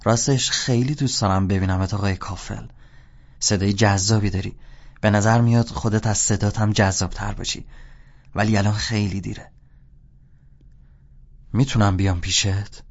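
A man's voice: lowish voice, fairly even intonation, long pauses. A man voicing an adult woman woken late at night, curt and suspicious at first. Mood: flirtatious. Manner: curt, suspicious, then flirtatious. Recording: dull lo-fi audio.

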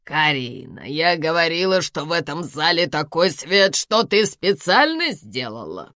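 A woman reading an audiobook, voicing a domineering elderly woman of eighty-two who scolds in slow, drawn-out, commanding phrases. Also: deep voice, expressive, no echo, clean studio sound, heavily acted. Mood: scolding, domineering. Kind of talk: audiobook character voice.

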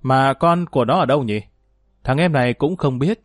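A man's voice: mid-range voice, normal speed, no room sound, close to an everyday voice. A man voicing a sly, cruel male gang boss who taunts with false politeness, recorded dry. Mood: smug taunting.

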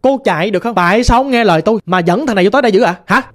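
A woman voicing a stern older male folk exorcist who scolds quickly in a Southern Vietnamese accent. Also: mid-range voice, close to an everyday voice. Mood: scolding.

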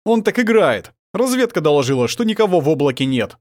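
A stern middle-aged commander barks orders and snaps angrily, as a man reading the audiobook puts him on. His voice is raised and forceful. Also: on the high side, fast talker, dry recording, clean studio sound, voice pushed up, close to an everyday voice. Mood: angry. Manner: barking commands, angry.

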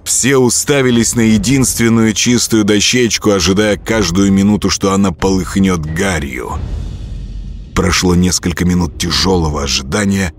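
A man narrating a horror audiobook in a measured, steady way. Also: deep voice. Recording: music bed behind voice.

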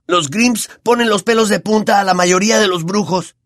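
An anxious teenage boy, voiced by a man in a storybook reading, with a Latin American Spanish accent. He sounds high and earnest, worried and easily riled. The sound is close and dry. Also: moderate pace, fairly bright tone, no echo. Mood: worried, heated. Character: anxious superstitious teenage boy, quick to anger.

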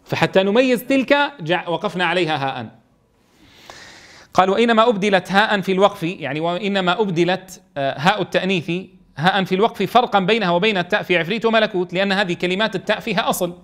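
A man's voice: sits high, fast talker, a bit bright. A man training Quran teachers in a classroom lesson. He reads a text aloud, explains it, and keeps checking with his students.

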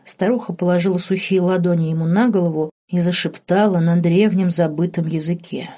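A woman narrating a fantasy novel audiobook in a steady storytelling manner. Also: lowish voice, a little fast. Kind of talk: scripted narration.

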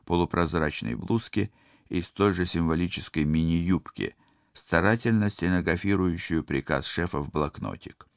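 A male narrator reading an audiobook in a steady, even way. His voice sits very low and carries a gravelly texture. The recording is close and dry. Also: normal speed, dry recording. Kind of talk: scripted narration.

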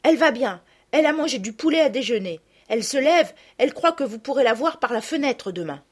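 A woman's voice: brisk, breathy edge. Eager little girl Camille, as a woman reads her. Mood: reassuring. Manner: excited, high and loud calling.

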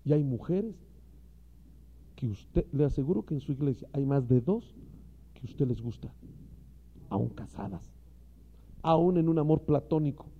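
Gravelly-voiced man preaching with passion. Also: fairly high pitch, expressive, measured pace, long pauses, big-room sound, slight background noise. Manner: impassioned preaching, talks straight to the listener. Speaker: pastor. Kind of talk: sermon to ministers. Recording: dull lo-fi recording.

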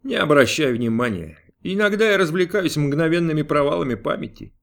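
In an audiobook character voice, a man plays an old, imperious, capricious God who snaps, grumbles and mocks his servant. His delivery is slow, rolling, sing-song and creaky, heavily acted, with pitch leaping high and loud. He sounds a little distant from the mic, like a storybook reading.

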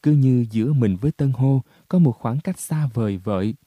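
A man reading a story aloud as narrator, in a steady, measured way. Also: mid-range voice, dry recording. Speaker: audiobook narrator.

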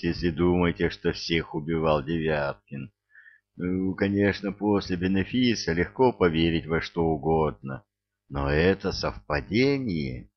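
A man's voice: low voice, gravelly, muffled recording, full character voice. Man voicing a frightened woman pleading. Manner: pleading, fearful.

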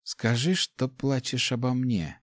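A man reading a slow, quiet, emotionless dying woman necromancer in an audiobook. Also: mid-range voice, no echo, studio quality. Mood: hollow.

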